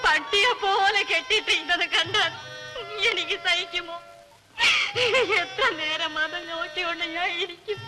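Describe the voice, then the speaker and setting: A proud young village woman in distress. She speaks earnestly in a very high voice. Film music runs beneath her on the old soundtrack. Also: fairly even intonation, moderate pace, low-quality recording. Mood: pleading. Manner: earnest, grieving. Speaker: heroine Chellamma. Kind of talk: 1960s Malayalam film acting.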